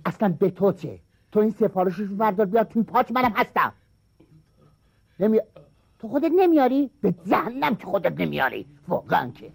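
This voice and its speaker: A grumpy café waiter in a comedy sketch, his voice gravelly and husky with a lively, swinging pitch. The sound is close and dry. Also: no echo, exaggerated voice. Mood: irritated. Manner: grumbling, irritable.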